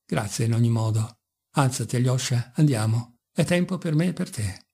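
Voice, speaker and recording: A man's voice: mid-range voice, expressive, moderate pace, creaky, warm tone, husky. A man voicing a mocking, brooding young intellectual in an audiobook, speaking with bitter irony. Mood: ironic. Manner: ironic, bitter, sometimes passionate.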